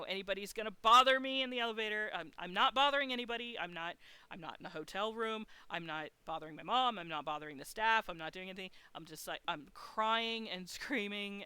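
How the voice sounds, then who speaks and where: A woman on a livestream telling a personal story in an animated, casual way, swearing freely. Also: mid-range voice, clean tone, dry recording. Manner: animated and profane, with frequent swearing. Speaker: artist streaming live.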